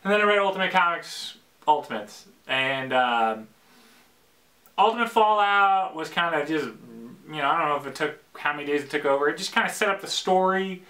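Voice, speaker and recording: Excitable male solo host, bright and slightly high voice, rambling off the cuff. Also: moderate pace. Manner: excitable, rambling, swings into loud bursts. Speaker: podcast host. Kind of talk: casual solo talk. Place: basement.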